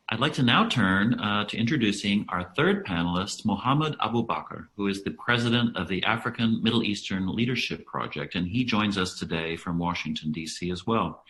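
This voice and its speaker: Low-voiced man moderating a panel. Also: a bit bright. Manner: formal, reads introductions.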